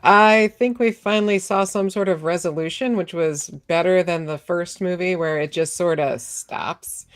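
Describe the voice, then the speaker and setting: A woman's voice: on the low side, moderate pace, few pauses. A woman on a podcast panel giving blunt, dry opinions in casual chat.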